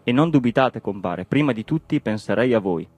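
A man voicing a poor middle-aged villager who speaks calmly and plaintively. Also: medium pitch, fairly quick, dry recording, faint music behind, lightly acted. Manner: calm, plaintive.

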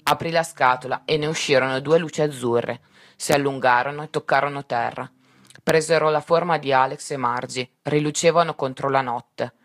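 A man reading a story aloud in a measured, unhurried way. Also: medium pitch, steady tone, a bit bright, no echo, clean studio sound.

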